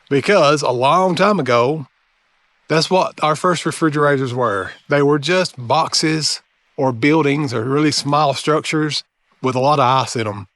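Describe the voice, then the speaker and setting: A man's voice: mid-range voice, no echo. A man with an eastern Kentucky Appalachian accent, talking casually and conversationally to his viewers as a folksy channel host. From eastern Kentucky, Appalachian Mountains. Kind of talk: casual explainer talking to camera.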